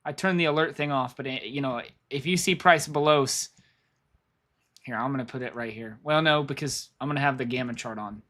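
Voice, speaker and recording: A stock market streamer who is losing his voice gives rambling live commentary on stock charts, thinking aloud and repeating himself. He speaks briskly in a mid-range voice with a fairly bright tone.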